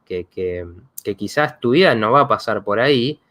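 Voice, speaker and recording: A man's voice: mid-range voice, animated, moderate pace, fairly bright tone. A man, hosting a psychology live stream and talking in a reflective way with many fillers and restarts. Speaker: psychologist host.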